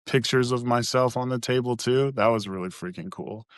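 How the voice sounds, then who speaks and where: A man's voice: medium pitch, normal speed, no room sound, clean studio sound. A man guesting on a podcast, laid-back and casual, laughing often and using slang. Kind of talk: casual interview chat.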